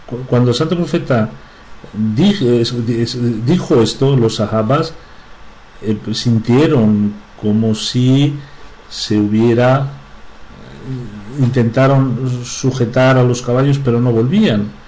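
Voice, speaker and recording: A man giving a religious talk in a halting way, with frequent restarts and filler sounds. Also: medium pitch, mellow, rough recording. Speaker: religious speaker.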